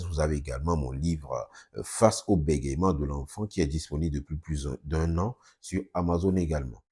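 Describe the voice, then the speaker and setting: A man who is a speech therapist, giving a steady, earnest explanation in a video presentation. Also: sits low, husky.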